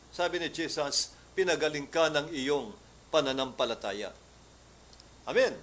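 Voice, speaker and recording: Filipino male pastor, fervent preacher who swells into loud commands, voice a touch high, faint noise behind. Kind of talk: Bible study sermon.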